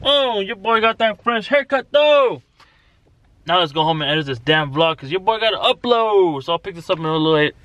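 A man's voice: high voice, expressive, brisk, a bit bright, no room sound, highs cut off. A young man vlogging in a casual, joking, slangy way, calling himself "your boy". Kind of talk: casual vlog chat. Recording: outdoor street noise.

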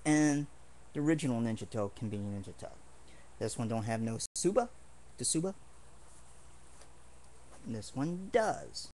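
Unhurried, earnest male hobbyist, rambling home-video demo talk, faint hiss behind. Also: medium pitch, lively intonation, darkish tone. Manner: rambling, earnest, with many restarts. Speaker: martial arts hobbyist showing swords. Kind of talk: casual home video demonstration.

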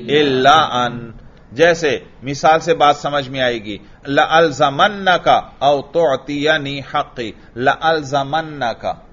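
A man's voice: mid-range voice, fairly bright tone, dull audio. A man from Pakistan with a Pakistani Urdu accent, teaching a grammar lesson to a class. He drills students with repeated questions and chants Arabic examples. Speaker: religious teacher.

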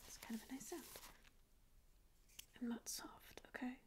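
In a small dim room, a woman whispers into a close ASMR microphone as a grouchy, age-old sleep paralysis demon who secretly cares. Her high-pitched delivery is a little slow, sarcastic and mock-rude, with a grumpy feel.

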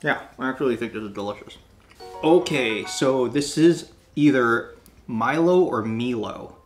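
A man's voice: medium pitch, moderate pace, soft background music. A man co-hosting a snack taste-test video in casual chat, joking and laughing often. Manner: playful, laughs often, jokey.

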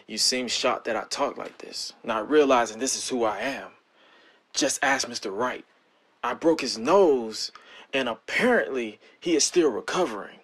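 A man's voice: mid-range voice, a little slow, fairly bright tone, breathy edge, pitched below the performer's own voice. A man playing an arrogant, profane male wrestler cutting a sneering promo in a cocky, trash-talking manner. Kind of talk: wrestling promo role-play.

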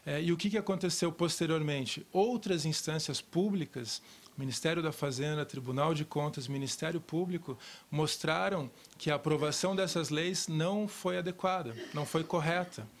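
A male councilman in his thirties gives an interview in his office, laying out criticisms in an argumentative tone. His voice sits a little high. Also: normal speed. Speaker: opposition councilman. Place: indoor office.

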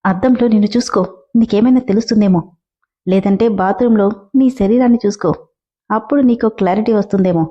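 A woman's voice: mid-range voice, fairly quick, dark tone, lo-fi sound, close to an everyday voice. Woman reading as an indignant young wife. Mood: scolding. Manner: indignant, accusing questions.

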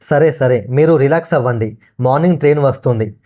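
A man voicing a calm, dismissive male station master who talks in a placating way in a story narration. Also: medium pitch, brisk, close to an everyday voice.

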